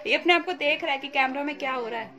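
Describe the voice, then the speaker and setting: High-voiced young woman teasing family. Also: fast, pushed and bright. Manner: playful, teasing, laughs often. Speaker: vlogger. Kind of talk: casual family vlog chat. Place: crowded family home, indoors. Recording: family chatter behind.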